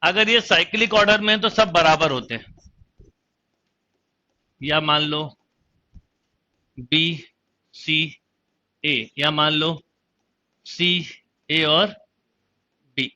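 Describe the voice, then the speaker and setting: A man's voice: a little high, slow pace, pauses often, pushed and bright, dull audio. A man teaching a math lesson online, explaining step by step and quizzing his students as he goes. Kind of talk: online exam-prep lecture.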